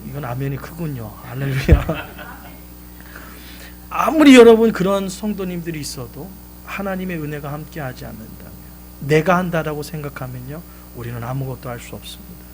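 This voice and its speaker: High-pitched guy preaching sunday, emphatic, rises and drops, faint hum. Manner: emphatic, swelling then dropping low. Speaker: pastor. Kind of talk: live Sunday sermon. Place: church sanctuary.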